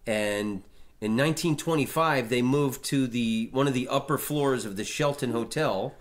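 This is a middle-aged man hosting a podcast, speaking at a normal speed with a medium-pitched voice. His casual talk about art history meanders, full of fillers and frequent restarts.

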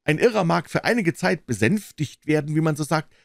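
A man voicing a smooth, evasive older male asylum director with a lively, insisting manner. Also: medium pitch, moderate pace, dry recording, studio quality, pitched below the performer's own voice. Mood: shouting.

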